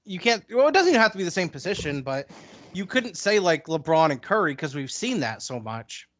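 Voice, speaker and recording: A man co-hosting a podcast, chatting about sports in an easygoing way and quick to chime in. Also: fairly high pitch, sing-song, fairly bright tone, no echo. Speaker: podcast co-host. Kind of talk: casual sports chat.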